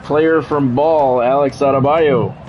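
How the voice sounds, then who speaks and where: A middle-aged man calls a football video game slowly in a steady, mid-range voice, styled like radio play-by-play. His commentary is clipped and peppered with informal asides, and the recording sounds muffled with a little hiss or hum.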